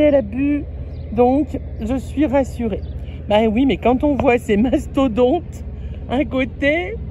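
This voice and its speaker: A French woman with a slightly high, mellow voice, chatting into her phone at a camper stop. She talks easily and fondly, turning aside to coo at her cat. A faint outdoor hum sits behind her. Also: dull audio. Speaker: vlogger on a road trip. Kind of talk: casual vlog chat. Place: outdoors at a camper van area.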